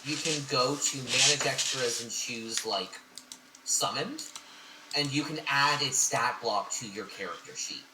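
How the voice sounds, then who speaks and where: A man's voice: medium pitch, unhurried. A man playing a tabletop game, eagerly explaining rules in casual chat. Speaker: player. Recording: roomy, distant mic with faint noise.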